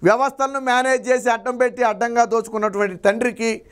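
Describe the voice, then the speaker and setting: A man's voice: very high-pitched, fairly even intonation, fast, clear, resonant tone. A man working as a political analyst, giving fiery political commentary and firing repeated rhetorical questions at his target.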